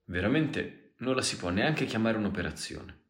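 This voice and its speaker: A man's voice: fairly low pitch, sing-song, moderate pace, reverberant, pitched above the performer's own voice. A man reading a coaxing insistent American man. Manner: reassuring, persuasive.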